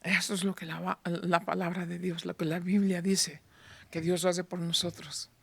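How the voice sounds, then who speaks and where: A man in his fifties preaching a sermon in church, moving between fervent raised passages and hushed near-whispers. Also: high voice, flat delivery, normal speed, creaky, slightly rough. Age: 50s. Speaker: pastor.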